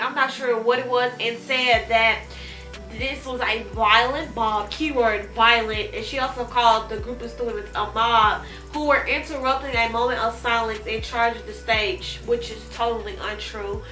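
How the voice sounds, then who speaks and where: A woman hosts an offhand commentary and rambles through it, full of ums and restarts. Her voice is bright and a little high. The room around her is echoey, with faint music underneath. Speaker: host. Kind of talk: casual commentary.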